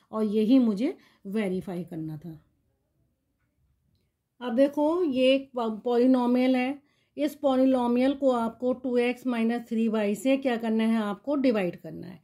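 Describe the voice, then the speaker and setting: A woman's voice: on the high side, mellow. A woman maths teacher explaining polynomial division step by step, patiently asking the class questions and answering them herself.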